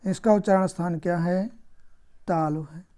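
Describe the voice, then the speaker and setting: A woman teaching a grammar lesson who asks her own questions and then answers them, patient and unhurried. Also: on the low side, fairly even intonation, mellow.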